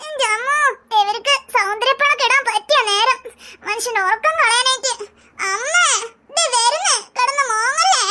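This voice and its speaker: Chatty little cartoon kid, very high-pitched, recorded with long reverb and loud noise. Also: normal speed. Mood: puzzled, grumbling. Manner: chatty, fondly scolding. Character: small child coaxing mother at night. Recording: very echoey, noisy, long reverb.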